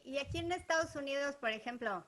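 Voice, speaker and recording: A middle-aged woman hosting an interview, speaking in a reflective, measured way. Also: sits high, fairly bright tone. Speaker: interviewer, show host. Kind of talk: conversational interview.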